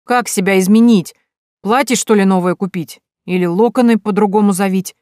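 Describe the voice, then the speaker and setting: A woman's voice: medium pitch, steady tone, moderate pace, darkish tone, dry recording, clean studio sound, lightly acted. A woman reading aloud, voicing a big, stubborn young peasant woman who wails and snaps in old-fashioned folksy speech. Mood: suspicious.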